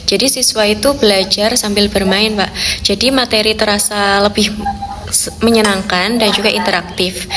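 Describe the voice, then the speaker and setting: A young adult woman in a role-play meeting who puts forward a proposal in a slow, deliberate way. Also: medium pitch, fairly bright tone, slight background noise. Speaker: team member proposing an idea.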